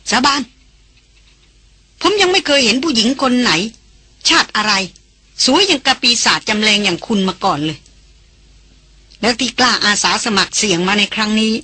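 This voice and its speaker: A woman's voice: mid-range voice, bright, forceful tone, breathy edge, dry recording. A woman reading an audiobook, voicing a bold young man who earnestly courts a foreign woman. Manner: earnest, pleading, raised voice.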